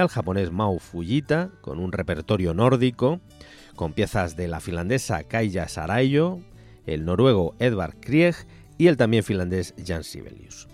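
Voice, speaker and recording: A man reads a cultural events roundup in a brisk, lively scripted delivery. His voice sits low, and a faint guitar plays behind him. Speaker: radio cultural agenda presenter. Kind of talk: scripted news reading.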